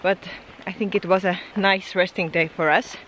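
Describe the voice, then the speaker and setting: A woman's voice: fairly low pitch, fairly even intonation, moderate pace, fairly bright tone, slight background noise. Easygoing woman vlogging on a hiking trail. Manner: chatty, easygoing, laughs between remarks. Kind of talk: casual vlog chat to camera. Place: outdoors on a mountain hiking trail and at a hut.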